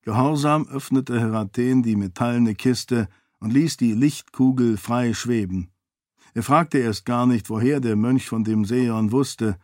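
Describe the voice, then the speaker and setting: A man reading fantasy fiction aloud as an audiobook narrator, slow and measured. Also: medium pitch, a little mellow, no room sound, clean studio sound.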